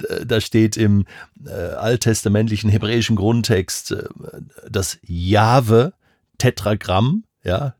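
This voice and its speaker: Gravelly man reflecting on a psalm. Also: medium pitch, a little mellow, no room sound, studio quality. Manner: reflective, personal, emphatic repetition. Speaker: Bible study speaker. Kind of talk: devotional Bible discussion.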